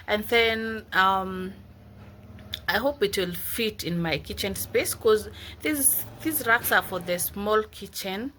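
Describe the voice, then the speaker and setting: A woman's voice: medium pitch, a bit bright. A woman chats loosely to her viewers, rambling from one thing to the next. Her tone is easygoing and conversational, like a casual unboxing vlog. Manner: chatty, rambling, keeps addressing viewers as "guys". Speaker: vlogger.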